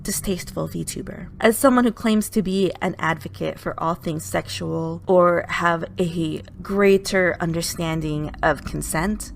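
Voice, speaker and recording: A woman's voice: on the low side, unhurried, vocal fry, few pauses, slight background noise. A woman playing a sweet, eerily obsessive yandere who delivers a theatrical, menacing call-out monologue. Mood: cold, self-righteous.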